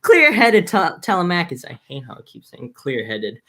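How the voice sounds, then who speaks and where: A woman's voice: lowish voice, huge pitch swings, moderate pace, fairly bright tone, a little hiss or hum. A woman reading an old epic aloud casually, breaking off for chatty, irreverent, self-mocking asides. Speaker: reader.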